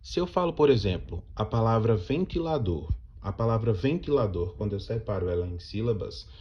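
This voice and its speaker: A Brazilian man teaching young children, patiently walking through each task step by step and slowing down to sound out words. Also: lowish voice, expressive, dull audio, slight background noise. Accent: Brazilian Portuguese. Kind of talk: explaining class activities to young children.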